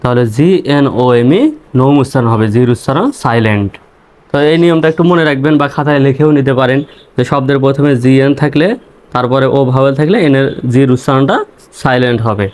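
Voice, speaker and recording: A man teaching English reading, spelling words out letter by letter and repeating each pronunciation slowly. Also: mid-range voice, steady tone, darkish tone.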